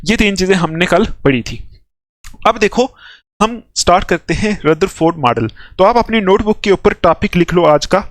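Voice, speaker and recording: A young male chemistry teacher with a noticeably high voice explains a lesson point by point. He keeps pausing to check that his students follow. The sound is close and dry, with no room echo. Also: expressive. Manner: explains step by step, checks in with "theek hai" after nearly every phrase. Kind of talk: classroom lecture at a whiteboard.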